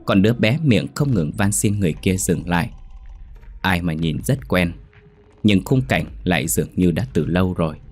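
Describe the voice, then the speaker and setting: A man's voice: low voice, expressive, moderate pace. A man narrating a first-person horror story in a dramatic, exclamatory manner. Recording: faint background music.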